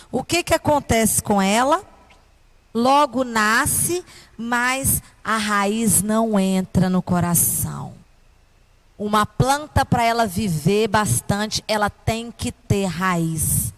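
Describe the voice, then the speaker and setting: A woman with a Brazilian accent teaching a children's Bible lesson in a kindergarten teacher voice, with simple explanations and questions put to the children. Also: a little high.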